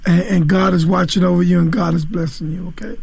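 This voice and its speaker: Male host, husky, creaky, high for a man, encouraging, dry sound. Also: fairly even intonation, fast talker, darkish tone, dry recording. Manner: encouraging, affirming. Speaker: talk show host. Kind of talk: live call-in talk.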